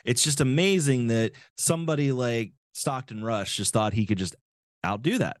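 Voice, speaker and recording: A man's voice: medium pitch, normal speed, dry recording. A man hosting a podcast, delivering casual comedic commentary as a profane, sarcastic rant. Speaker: podcast host.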